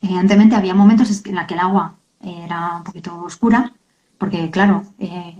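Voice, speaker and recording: A woman, a guest author in an interview, talking earnestly and haltingly and often adding checking tags. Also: fairly low pitch, steady tone, darkish tone, dull audio. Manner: earnest, halting, many tag questions. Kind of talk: emotional interview talk.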